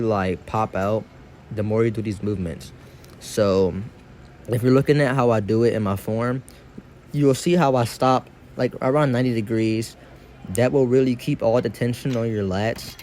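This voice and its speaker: A man's voice: fairly low pitch, moderate pace, darkish tone, slight background noise. A man giving a casual, slangy exercise tutorial as a fitness instructor, his speech slightly impeded by dental braces.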